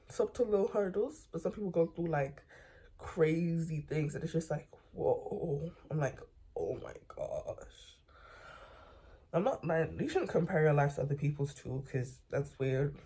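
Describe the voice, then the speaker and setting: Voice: medium pitch, dark tone, breathy edge. A young adult vlogger rambling casually in bed late at night, using loose slang and often repeating words.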